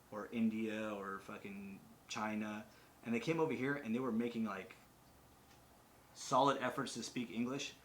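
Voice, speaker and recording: A man's voice: mid-range voice, pushed and bright, slight background noise. Rambling, swearing male podcast host. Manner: rambling, profane, full of "like". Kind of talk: casual chat.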